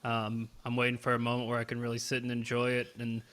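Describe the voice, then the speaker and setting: A man co-hosting a podcast in a relaxed, rambling way, laughing now and then. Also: medium pitch, quick pace, clean tone. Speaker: podcast co-host. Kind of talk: casual chat.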